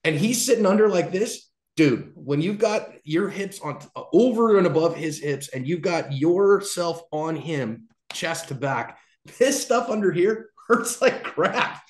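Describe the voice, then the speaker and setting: A middle-aged man giving casual, animated commentary on a video, acting out quotes and laughing along. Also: sits high, measured pace. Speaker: self-defense video commentator. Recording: roomy echo.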